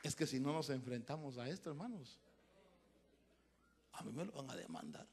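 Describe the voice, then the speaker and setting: A man preaching a sermon as a pastor, swinging between loud shouted lines and hushed asides, with a Central American Spanish accent. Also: mid-range voice, big pitch swings, moderate pace, creaky, a little hiss or hum.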